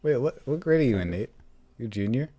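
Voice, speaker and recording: A man's voice: mid-range voice, lively intonation, brisk, mellow. A young man hosting a casual podcast chat, joking and laughing often. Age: young adult. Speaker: podcast host.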